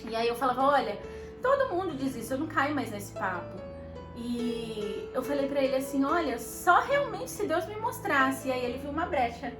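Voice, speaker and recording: A Brazilian woman casually telling a couple's story, lively and laughing often as she acts out what others said. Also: sits high, moderate pace. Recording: echoey room with background music.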